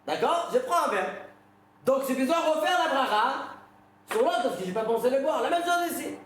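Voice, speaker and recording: A man's voice: very high-pitched, expressive, brisk, a bit bright, a little hiss or hum. A man, a rabbi, giving an informal religious lesson, telling stories and putting questions to his listeners. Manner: conversational storytelling, questions the audience. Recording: very echoey room.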